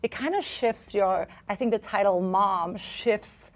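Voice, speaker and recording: A woman's voice: medium pitch, a little slow. A woman from Albania, raised in New York, reflectively telling her life story as a podcast guest. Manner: reflective, speaks with fillers. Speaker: guest, business coach. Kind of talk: casual interview storytelling.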